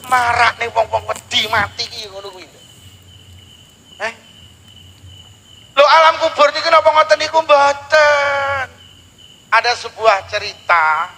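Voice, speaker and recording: A man's voice: very high voice, poor audio. A man from Java, preaching a humorous sermon and telling stories dramatically. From Blitar, East Java, Indonesia. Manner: animated, dramatic storytelling with sudden slow, drawn-out lines. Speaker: Islamic preacher.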